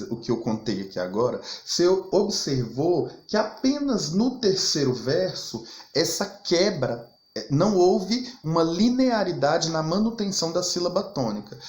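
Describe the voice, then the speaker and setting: A male teacher walks students through a poem's rhythm and rhyme. He keeps posing questions and answering them emphatically, his voice bouncing through a wide, animated range. The sound is roomy and echoey. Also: on the high side. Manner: explanatory, rhetorical questions, emphatic. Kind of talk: recorded literature lesson over slides. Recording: echoey room.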